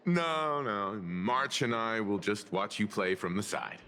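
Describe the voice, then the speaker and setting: A man playing a reserved, calm travelling companion in a video game. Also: fairly low pitch, measured pace, big-room sound, slight background noise. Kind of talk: scripted video game acting.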